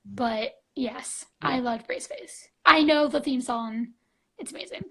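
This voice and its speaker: Bubbly high-voiced woman in her twenties. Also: lively intonation, takes it slowly, creaky, husky, rough recording. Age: 20s. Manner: gushing and bubbly, full of "like" and "um". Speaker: live stream host. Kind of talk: casual live-stream chat.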